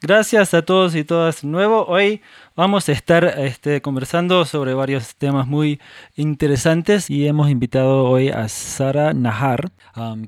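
A man's voice: mid-range voice, dry recording, clean studio sound. A man hosting a podcast, welcoming listeners and introducing guests in a conversational style. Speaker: podcast host.

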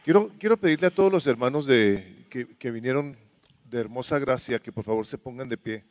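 A man in a church thanking the preacher and asking visiting members to stand for prayer, with halting restarts. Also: mid-range voice, dry recording. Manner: asks the congregation to stand, halting. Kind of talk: church announcements.

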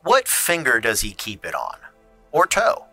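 A man's voice: medium pitch, huge pitch swings, measured pace, loud music behind the voice. A man narrating a tabletop game as game master, easygoing and full of restarts. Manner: loose, easygoing, many restarts.

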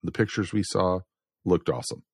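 An American man from the southeastern United States co-hosts a podcast, chatting casually and addressing listeners in a folksy way. His deep voice is animated, a little mellow and husky, at normal speed. The recording is dry and studio quality.

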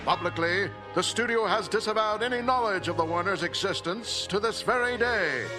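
Old-newsreel announcer, man, high and crisp, an actor doing grand declaiming narration, with music bed loud behind. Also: moderate pace, natural voice. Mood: grandly announcing. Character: brisk 1930s male newsreel announcer. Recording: cartoon clip with music underneath.

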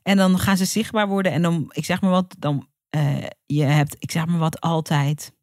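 A woman hosting a conversational podcast, her voice sitting on the lower side. She talks in long, winding sentences with plenty of "ehm"s. The recording is dry and close, with no room sound. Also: steady tone, moderate pace, a little mellow, no echo. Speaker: podcast host.

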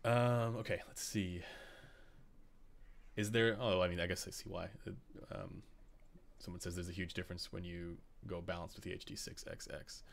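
A man's voice: deep voice, little pitch movement, moderate pace, vocal fry. A Canadian man hosting a casual live stream, rambling with fillers and reading chat questions aloud. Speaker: host.

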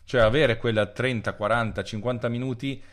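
A man's voice: mid-range voice, steady tone, normal speed. A man talking as a programmer guest on a podcast, explaining things freely with frequent restarts. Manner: talks freely with restarts and trailing off. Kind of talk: casual conversation.

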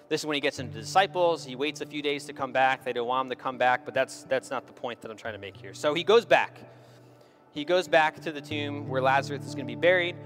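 A man's voice: mid-range voice, a bit bright. A man giving a sermon as a pastor, retelling a Bible story in a conversational way and often checking in with "right?".

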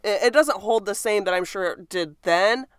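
A woman's voice: medium pitch, normal speed, clear, resonant tone, no room sound. A woman in her thirties co-hosting a casual podcast, chatty and rambling as she explains things. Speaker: podcast co-host. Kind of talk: casual chat.

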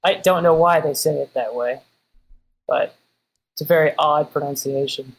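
A man's voice: on the high side, moderate pace, breathy edge, low-quality recording. A man from Kansas City, a guest in a casual conversation, easygoing and dry in his humor. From Kansas City, United States.

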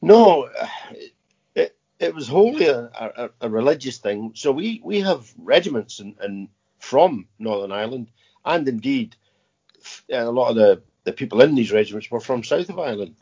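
A man in his fifties, an army veteran, answering interview questions in a halting way with many fillers and repeated words. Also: medium pitch, sing-song, mellow, slightly rough. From Scotland. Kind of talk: casual interview. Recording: muffled lo-fi audio.

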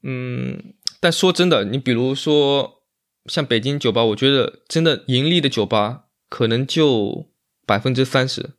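A man's voice: medium pitch, a little slow. A man speaking as an interview guest in a casual chat, explaining things and repeating phrases for emphasis. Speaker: interview guest, magician and bar owner.

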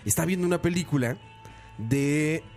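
A man's voice: a little high, normal speed, a little mellow, faint music behind. A man hosting a podcast, telling stories in a loose, slangy way and laughing often. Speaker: podcast host. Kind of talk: casual chat.

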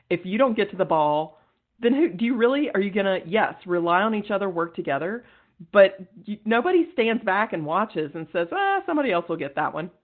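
A woman talking as a guest on a podcast, in an earnest, energetic way and quick to laugh. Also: medium pitch, rough recording. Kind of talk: casual interview conversation.

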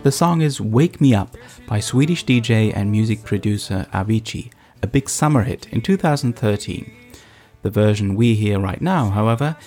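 A man's voice: lowish voice, lively intonation, moderate pace, darkish tone, soft background music. A man presenting scripted documentary narration, explaining things and addressing the listener directly. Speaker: host, narrator.

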